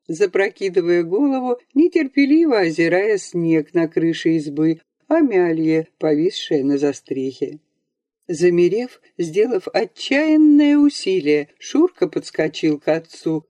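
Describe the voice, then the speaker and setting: A reader narrating a literary audiobook in an expressive, measured way. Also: mid-range voice, no room sound.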